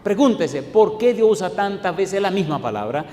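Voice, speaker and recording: A male pastor preaching a sermon in a church, firing rhetorical questions at the congregation and swinging between loud declaiming and quiet asides. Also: high-pitched, expressive, normal speed, slight background noise. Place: church sanctuary. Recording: echoey church hall with long reverb.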